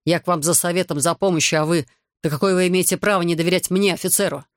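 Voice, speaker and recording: A man's voice: high-pitched, fairly even intonation, fast talker, no room sound, studio quality, close to an everyday voice. A man voicing a proud, hot-tempered officer who argues insistently. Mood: furious.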